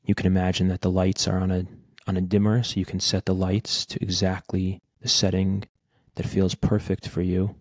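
A podcast host with a deep, low voice guides a meditation, gentle and unhurried, his delivery completely flat with little rise and fall. He leaves long pauses between short phrases, and the recording is close and dry with no room sound.

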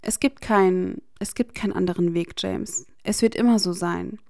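A woman's voice: medium pitch, steady tone, moderate pace, gravelly, darkish tone, no room sound, clean studio sound, natural voice. A woman voicing a guarded, defiant young man with a clipped, sardonic way of talking in a fan fiction audiobook reading. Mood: pleading.

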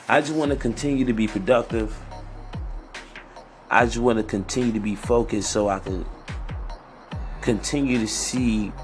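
A man who sounds high, hosting a casual podcast alone in a rambling, repetitive, slangy stoner manner. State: high on weed. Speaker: podcast host.

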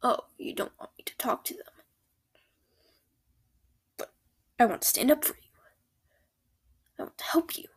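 A woman voicing a doting, protective girlfriend who comforts her sad partner in a soft whisper, in an ASMR roleplay. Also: fairly high pitch, animated, normal speed, long pauses, slightly rough. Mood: affectionate.

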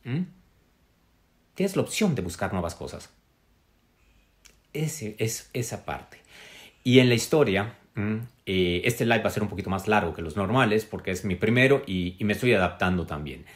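A middle-aged man earnestly telling a personal story on a live stream, with pauses and "mm?" tags. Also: lowish voice, animated.

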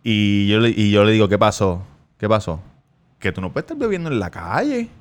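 A man's voice: lowish voice, fairly quick. A man from Puerto Rico with a Puerto Rican accent, telling a story on a casual podcast among friends, swearing freely and acting out voices. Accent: Puerto Rican Spanish. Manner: animated, swearing, acts out voices in his story. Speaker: podcast co-host.

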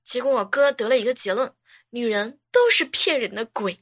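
A woman telling a string of comic everyday anecdotes, lively and acting out the quoted lines. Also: normal speed, no room sound, clean studio sound. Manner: lively, acts out quoted lines with big pitch jumps. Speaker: joke storyteller.

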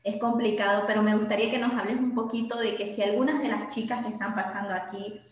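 A woman's voice: medium pitch, steady tone, quick pace. A woman hosting an interview, reflecting on her guest's story and relating it to her own experience. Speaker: interview host. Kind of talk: conversational interview. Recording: very echoey room.

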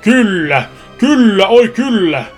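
A man voicing a cruel, mocking male devil who taunts loudly, in a spoken storybook tale with faint music behind. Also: high-pitched, sing-song, pitched above the performer's own voice. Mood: gloating. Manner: taunting, loud, mocking laughter.

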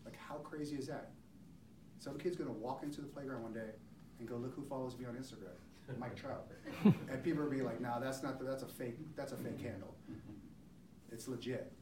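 Male company speaker, upbeat pitch, captured on a poor live-session recording with a noisy echoing room and a distant mic. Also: brisk. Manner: upbeat, salesy, retells conversations. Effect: low-quality recording of a live session. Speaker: company speaker presenting at a collectors' event. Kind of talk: promotional presentation talk. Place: event room.

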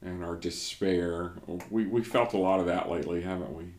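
A man's voice: low-pitched, steady tone, normal speed, a little mellow, echoey room. A man from the United States, a pastor, reflecting in a casual devotional discussion and often searching for words.

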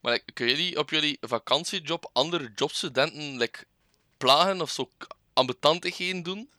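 A man's voice: fairly high pitch, sharp tone, no echo, studio quality. A young man, talking hesitantly in a casual podcast chat. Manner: hesitant, halting.

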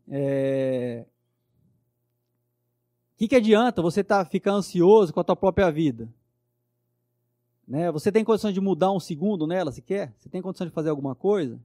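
High-voiced earnest man. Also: a little mellow, no room sound, clean studio sound. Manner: earnest, fervent storyteller, frequent tag questions. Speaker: guest. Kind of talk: personal testimony in conversation.

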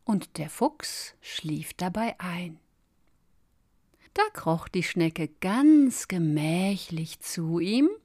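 A woman narrating a bedtime fairy tale in a slow, soothing, expressive way. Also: fairly low pitch, gravelly. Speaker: storyteller. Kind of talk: bedtime storybook reading.

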